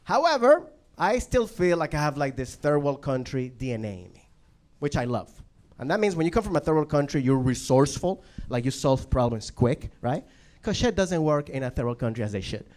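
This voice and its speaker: Animated Venezuelan-born stand-up comedian. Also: male voice, on the high side, fairly quick. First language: Spanish. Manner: animated, acts out characters.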